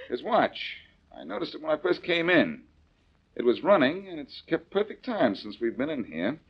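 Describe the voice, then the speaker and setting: An actor playing a wry, confident male detective on an old radio show, with a gravelly, husky voice and dry, probing questions. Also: fairly high pitch, very animated, normal speed, heavily acted. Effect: old radio show broadcast. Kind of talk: 1940s radio acting. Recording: dull lo-fi old radio recording.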